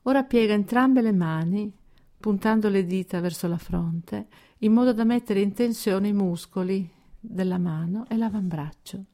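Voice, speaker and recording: A woman with a medium-pitched voice reads a scripted progressive muscle relaxation exercise, her instructions calm and measured, broken by deliberate pauses.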